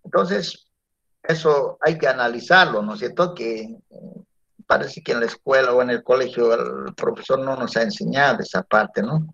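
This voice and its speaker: A man's voice: mid-range voice, normal speed, creaky, a bit bright. A male teacher giving a classroom lecture, often checking in with his students through tag questions. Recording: dull lo-fi classroom recording.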